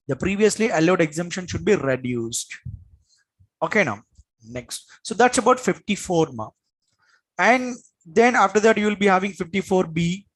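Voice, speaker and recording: A man's voice: sits high, rough recording. A man with an Indian accent giving a classroom lecture as an exam coach, in an emphatic, repetitive manner with frequent check-in questions.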